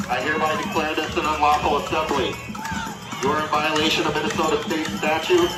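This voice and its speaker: A man's voice: fairly high pitch, flat delivery, brisk. Man blasting orders through a sound cannon. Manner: stiff, official, reads a legal statute. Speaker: police officer. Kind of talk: formal dispersal order. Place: street protest outdoors. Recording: echoey, distant, loud crowd and music. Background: loud crowd and music.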